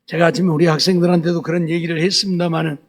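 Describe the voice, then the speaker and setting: A man's voice: on the high side, little pitch movement, very fast. A male pastor preaching a folksy Sunday sermon, exhorting the congregation with constant rhetorical questions.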